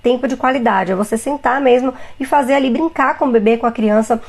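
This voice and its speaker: A woman's voice: fairly high pitch, quick pace, gravelly, breathy edge. A Brazilian woman pediatrician in her thirties giving parenting advice on a live stream, explaining patiently and speaking to viewers directly. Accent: Brazilian Portuguese. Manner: warm explanatory advice, addresses viewers as "gente".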